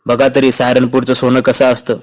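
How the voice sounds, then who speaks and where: A man's voice: mid-range voice, monotone, brisk, close to an everyday voice. A man reading as sly chief Najib. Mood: coaxing. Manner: sly, coaxing. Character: scheming male Afghan chief Najib.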